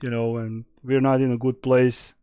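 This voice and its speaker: A man's voice: mid-range voice, level tone, moderate pace, dark tone, clean tone, no echo, muffled recording. A young man from Serbia, casually streaming and answering chat questions in a rambling way with many fillers. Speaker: game streamer.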